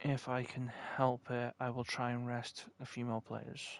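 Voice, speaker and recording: A man chatting while gaming who reacts excitedly to his match and often repeats words. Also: mid-range voice, moderate pace, a little hiss or hum. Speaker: streamer playing with friends. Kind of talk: casual chat while gaming.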